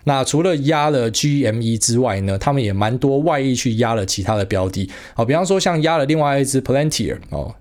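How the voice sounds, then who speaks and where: A man's voice: medium pitch, animated, a little fast, few pauses, darkish tone. A man with a Taiwanese Mandarin accent hosting a podcast, giving casual solo commentary that is blunt and slangy, with frequent fillers and mild swearing. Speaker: podcast host.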